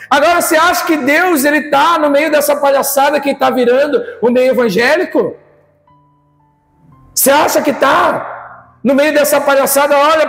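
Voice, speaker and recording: Man, Brazilian accent, pastor, fervent sermon, very high voice, echoing church hall, soft music behind. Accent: Brazilian Portuguese. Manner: impassioned preaching, rhetorical questions to the congregation.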